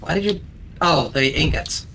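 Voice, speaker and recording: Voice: mid-range voice, moderate pace, a bit bright, slight background noise. A streamer chatting casually while playing a game, teasing a co-player and explaining things with a dry wit and lots of ums.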